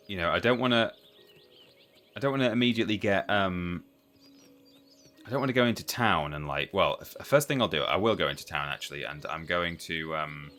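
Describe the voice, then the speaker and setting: A man's voice: deep voice, fairly bright tone. A man giving casual game commentary on a live stream, rambling and thinking aloud.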